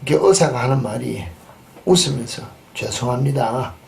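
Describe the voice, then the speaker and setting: A male pastor preaching a sermon and telling a story, swinging between loud emphatic bursts and quiet asides. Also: medium pitch, animated, moderate pace, creaky. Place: church sanctuary. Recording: distant mic with faint background noise.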